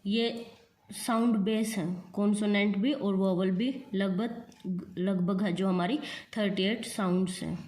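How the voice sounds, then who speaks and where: A woman's voice: mid-range voice, fairly even intonation, measured pace, a little mellow. A woman with an Indian accent teaching a lesson, patiently spelling out letters one at a time. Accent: Indian English. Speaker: shorthand teacher. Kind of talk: classroom lesson.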